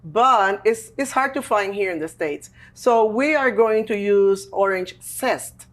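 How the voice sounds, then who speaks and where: A woman's voice: medium pitch, unhurried. Middle-aged Puerto Rican woman explaining a recipe. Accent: Puerto Rican Spanish. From Puerto Rico. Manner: warm, explains step by step with many ums and restarts. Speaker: extension agent, guest cook. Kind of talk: relaxed cooking demonstration chat.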